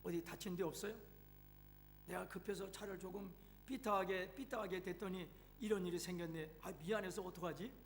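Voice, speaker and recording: A man voicing a kind office manager who gently asks after a colleague and apologizes. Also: high-pitched, steady tone, brisk, creaky, in a large hall, slight background noise. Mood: concerned. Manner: gentle and concerned.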